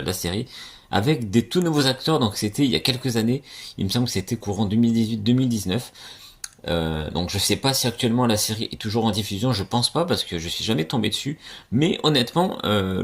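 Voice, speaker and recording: A man chatting casually about a retro TV show, with many fillers. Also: medium pitch. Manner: chatty, with frequent fillers and "voilà". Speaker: retro TV channel host. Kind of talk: casual nostalgic chat.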